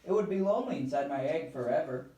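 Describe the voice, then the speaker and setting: Man as childlike bird puppet, excitable, self-important, earnest, animated pitch, children's skit, roomy distant recording. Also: quick pace, lightly acted. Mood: wondering. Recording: echoey room, distant mic.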